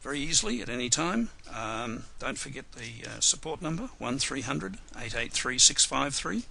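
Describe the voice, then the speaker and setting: A man giving a live software tutorial webinar, hoarse and losing his voice, talking unhurriedly with many fillers and restarts. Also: medium pitch, lively intonation, normal speed, slight background noise. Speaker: software trainer.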